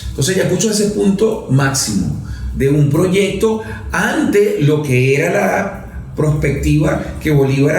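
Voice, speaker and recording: With a slightly mellow voice on the higher side, a Venezuelan academic and politician in his fifties explains political history step by step, as if teaching a class. He keeps asking "no?" to check in, and the space around him sounds very reverberant.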